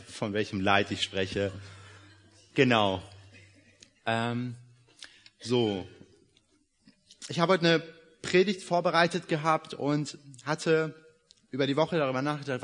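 A man's voice: mid-range voice, fairly bright tone. A young man from Iran, raised in Germany, preaching a sermon in a casual, joking way, with many fillers. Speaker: guest preacher. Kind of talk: sermon with personal introduction.

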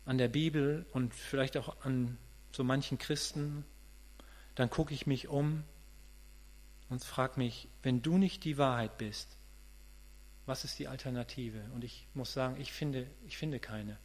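Thinking aloud as he preaches, a man in his late fifties gives a sincere, conversational sermon, often repeating words and starting over. His voice is medium-pitched, unhurried, and fairly even in intonation, recorded in an echoing hall with a mains hum.

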